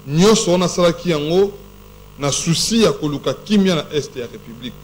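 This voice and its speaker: A Congolese man hosts a studio talk show with a slightly raised pitch and an emphatic, rhetorical delivery. The room is noticeably echoey, and a faint noise sits underneath. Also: lively intonation, fairly quick. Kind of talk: studio talk show, mixing French and Lingala. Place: TV studio set.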